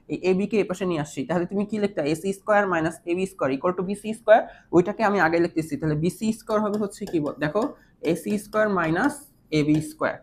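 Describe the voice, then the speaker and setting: This online math lesson is led by a woman with a medium-pitched voice, with slight background noise. She checks again and again that her students understand, stays patient, and mixes in English math vocabulary.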